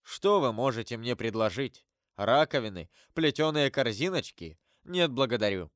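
A man voicing a grave, wealthy nobleman, speaking in a calm, measured, solemn way. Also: mid-range voice, no room sound, clean studio sound, close to an everyday voice. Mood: composed.

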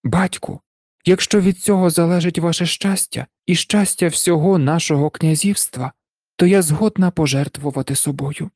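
A timid young princess from a storybook, as a narrator puts her on, speaking softly in a raised, gentle voice. The recording is close and dry. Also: mid-range voice, moderate pace, dry recording, voice pushed up, lightly acted. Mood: meek resolve. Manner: quiet, soft-spoken. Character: meek, frightened young princess. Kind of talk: storybook reading.

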